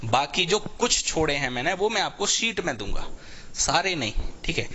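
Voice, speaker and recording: A male teacher runs a live online class. His voice is bright and slightly high, he stretches out words as he spells them, and he keeps checking in with his students. Faint noise and clicks sit behind him. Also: big pitch swings, normal speed. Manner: repetitive, checks in often with "theek hai bhai". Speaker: English teacher for exam preparation.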